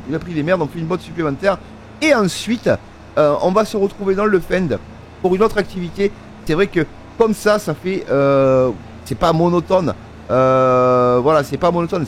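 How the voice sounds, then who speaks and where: Casual male let's-play host, slightly high voice, rambling and warm with the audience, faint noise under the mic. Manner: chatty, many fillers, talks to workers in the game. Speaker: gaming video creator.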